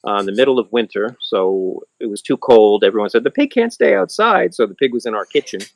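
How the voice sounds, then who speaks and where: A man, a musician being interviewed outdoors on his small farm, telling stories and acting out other people's voices in high squeals. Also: steady tone, quick pace, a little mellow, no echo, rough recording. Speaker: musician guest. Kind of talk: casual storytelling interview.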